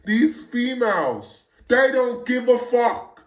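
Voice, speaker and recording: High-pitched guy talking slow, blunt and swearing. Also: animated, lo-fi sound. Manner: blunt, profane. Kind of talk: casual rant. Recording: roomy with faint noise.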